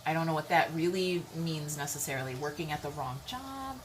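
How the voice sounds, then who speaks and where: A woman with a low, lively voice talks fairly fast, giving a casual, chatty tarot reading. She bluntly speaks her mind and keeps checking in with listeners through "okay?" and "all right?". The audio is poor, with a little hiss or hum.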